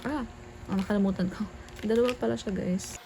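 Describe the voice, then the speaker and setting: A woman's voice: medium pitch, steady tone, fast. Chatty Filipino woman vlogger, noisy background. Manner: chatty, switches between two languages. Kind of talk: casual vlog chat. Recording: clear background noise.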